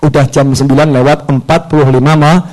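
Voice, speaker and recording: Hoarse Javanese preacher with a cold. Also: male voice, a little high, flat delivery, a little fast, a little mellow, poor audio. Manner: joking, acts out dialogue in the story. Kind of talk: lively Islamic sermon.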